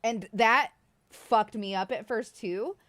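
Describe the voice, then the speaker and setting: This woman from Iowa, United States, in her thirties, takes it slowly in a slightly high, somewhat bright voice. She talks casually with her livestream audience in a rambling, self-mocking manner, with plenty of swearing and laughter.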